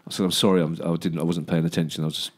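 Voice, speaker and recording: Middle-aged male panellist, low voice, rapid casual football talk. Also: little pitch movement. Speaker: podcast panellist.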